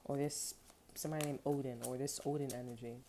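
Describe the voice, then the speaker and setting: Brief: woman tarot reader, very low and mellow voice, rambling casual delivery full of okays. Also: fairly even intonation, fast talker, slight background noise. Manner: rambling, peppered with okay and like.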